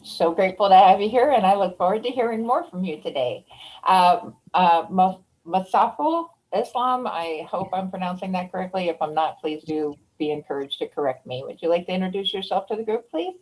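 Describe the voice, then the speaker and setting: A woman's voice: lowish voice, expressive, brisk, darkish tone, low-quality recording. A woman facilitating an online meeting, inviting each person to introduce themselves in a polite, formal, gracious way.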